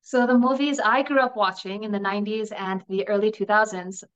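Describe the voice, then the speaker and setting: A New Jersey woman in her thirties, a guest in a candid interview, talks earnestly and chattily about her upbringing, often restarting and laughing softly. Her voice is medium-pitched with fairly even intonation and a fairly quick pace. The recording quality is low.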